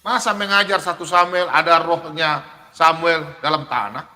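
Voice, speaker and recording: Emphatic high-voiced man preaching live. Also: moderate pace, sharp tone, big-room sound. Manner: refers to himself in the third person; emphatic, rhetorical questions, recites verses. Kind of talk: unscripted live preaching, reading scripture.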